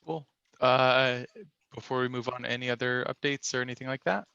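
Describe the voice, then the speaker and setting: Bright-voiced man chairing a call. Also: mid-range voice, normal speed, creaky, clean tone, no echo. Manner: casual, relaxed. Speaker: meeting chair. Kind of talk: online meeting chairing. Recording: dull, dry call audio.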